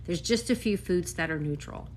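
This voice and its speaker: A woman in her fifties, a doctor, talking casually to camera in an animated, emphatic way with quick asides. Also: lowish voice, a little hiss or hum. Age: 50s.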